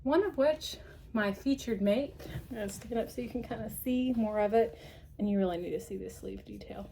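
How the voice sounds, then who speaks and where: A woman's voice: medium pitch, fairly quick, vocal fry, mellow, slight background noise. A woman hosting her podcast in a casual show-and-tell chat, rambling along with frequent ums and light laughs, slightly out of breath. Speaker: podcast host.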